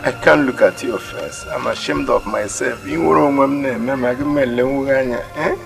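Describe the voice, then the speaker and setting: A man's voice: medium pitch, normal speed, over music. A man with a Nigerian accent playing an ashamed young husband who pleads with his wife in a film. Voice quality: gravelly, pleading.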